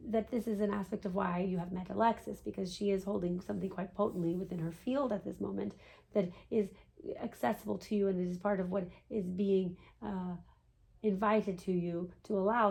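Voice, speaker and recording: Woman acting as seance medium, channeled spirit guide, creaky voice, formal stilted phrasing, patient, questioning yes-tags, mid pitch. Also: a little mellow, natural voice. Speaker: trance channeler answering a client's questions.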